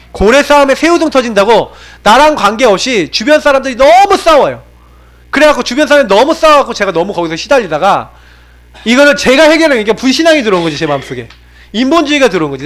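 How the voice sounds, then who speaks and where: A man preaching a sermon to his congregation as pastor, swinging between raised exhortation and low, confiding tones, and asking many rhetorical questions. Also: fairly bright tone. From South Korea. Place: church sanctuary.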